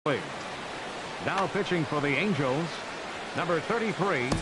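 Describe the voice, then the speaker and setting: A man voicing a stadium public-address announcer in a video game, heard through stadium loudspeakers, calling names out slowly and drawn out. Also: a little high, lively intonation. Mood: formal. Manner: slow, drawn-out name calls. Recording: loud crowd and game noise.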